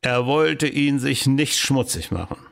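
A man calmly reading a children's storybook aloud as narrator. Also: mid-range voice, unhurried, gravelly.

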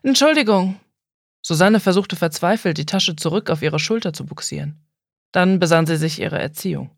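A woman narrating an audiobook in a calm, even storytelling manner, recorded dry and close. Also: low voice, a little fast, creaky, no echo. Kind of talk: scripted narration.

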